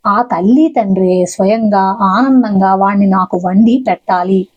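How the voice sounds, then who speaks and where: A woman's voice: medium pitch, measured pace, muffled recording, natural voice. A woman voicing a demanding wandering male ascetic who is a god in disguise, in a spoken devotional story. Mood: stern. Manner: demanding, testing.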